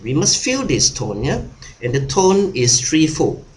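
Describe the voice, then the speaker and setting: A man's voice: fairly high pitch, sing-song, a little slow. A man coaching a group over a video call, repeating his points and tagging them with "huh?". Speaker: speaker and coach. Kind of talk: online workshop talk.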